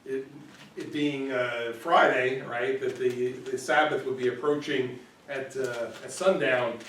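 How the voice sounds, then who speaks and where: A man's voice: mid-range voice, steady tone, unhurried, fairly bright tone, slight background noise. Man teaching Bible study in an echoey room. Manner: conversational, repeats words, often asks "right?". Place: church room. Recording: roomy echo, recorded from far off.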